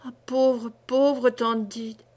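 A woman's voice: a little high, level tone, extremely slow, darkish tone. A woman reading the part of a raving, cursing mad old woman in an audiobook. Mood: childlike. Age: older. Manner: raving, sing-song, cursing.

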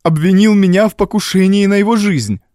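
A man's voice: on the high side, moderate pace, a little mellow, no echo, clean studio sound, pitched above the performer's own voice, close to an everyday voice. A man voicing a frightened young wife who pleads in a trembling voice. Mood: distraught.

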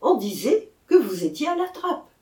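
A woman's voice: sits high, very animated, normal speed, a little mellow, voice pushed up. A woman voicing a teasing young actress. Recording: echoey room.

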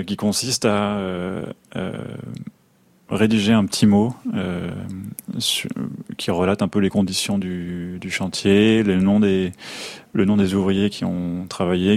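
A man, a craftsman, telling an anecdote in an unhurried way with frequent fillers. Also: low voice, darkish tone, no room sound.

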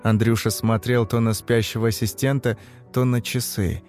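A man giving a scripted, grim, measured narration of a dark story. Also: mid-range voice, level tone. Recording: faint music under the voice.

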